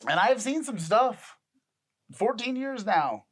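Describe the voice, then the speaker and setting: A man's voice: very high-pitched, lively intonation, slow pace, fairly bright tone, breathy edge. Man, thirties, casual podcast chat, rambling, laughs a lot. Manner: rambling, loose, laughs often. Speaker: podcast co-host.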